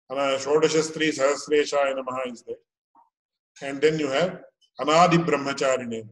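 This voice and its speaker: A South Indian-accented man in his fifties speaks in an echoey room at a middling pitch. He lectures informally on scripture as a religious teacher, halting and restating phrases, dropping in Sanskrit terms. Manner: explanatory, halting, repeating and rephrasing phrases. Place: small indoor room at home. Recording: echoey room, webcam-style pickup.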